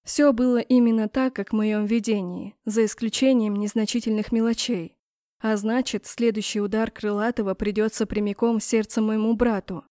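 A woman's voice: fairly high pitch, steady tone, normal speed, dark tone, no room sound. Woman reading an audiobook, dry close sound. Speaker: narrator. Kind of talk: audiobook narration.

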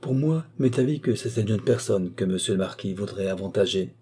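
A man's voice: lowish voice, brisk, warm tone, slightly rough. A man voicing a plain-spoken village mayor. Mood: sympathetic.

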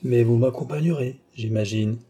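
A man's voice: mid-range voice, moderate pace, dark tone, close to an everyday voice. A man doing a mocking young villain. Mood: falsely sweet. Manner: mocking, smoothly menacing.

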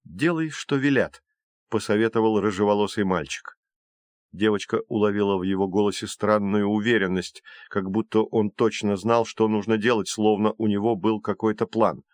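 A man narrates a storybook in a measured, expressive way. His voice sits low. The recording is dry and close, with no room sound. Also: dry recording. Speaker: audiobook narrator.

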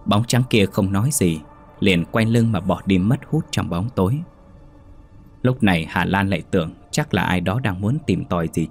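A man narrating a horror story in a steady, measured storytelling voice. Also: deep voice.

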